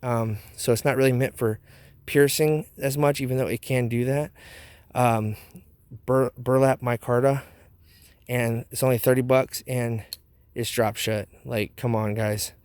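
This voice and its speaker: A man's voice: mid-range voice, fairly even intonation, measured pace, darkish tone, clean tone, no room sound. A man hosting a casual product review vlog outdoors, talking with a wad of chewing tobacco dip in his mouth. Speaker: knife review channel host.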